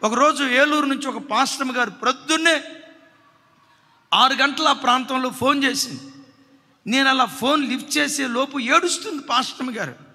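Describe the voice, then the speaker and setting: A man preaching a sermon as pastor, swinging between loud urging and hushed prayerful tones. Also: very high voice, moderate pace. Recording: long hall reverb.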